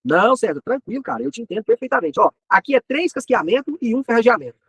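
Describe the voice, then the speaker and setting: A Brazilian man teaching a practical business lesson to other horse professionals. His voice is very high and slightly husky, and he speaks in a very dry, close sound. He talks in rapid bursts and repeats his key points. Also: sing-song, fairly bright tone, no room sound, dull audio. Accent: Brazilian Portuguese. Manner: direct, repeats key points, chatty asides.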